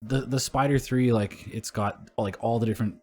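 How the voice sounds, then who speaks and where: A man's voice: medium pitch, fairly even intonation, moderate pace, darkish tone. A young man co-hosting a podcast, chatting casually, swearing freely and laughing easily. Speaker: podcast co-host. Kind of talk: casual chat.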